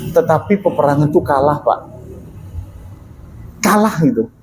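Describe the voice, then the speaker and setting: A male preacher telling a story in a sermon, animated, asking his listeners questions and repeating key lines. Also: a little high, normal speed, background noise. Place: mosque.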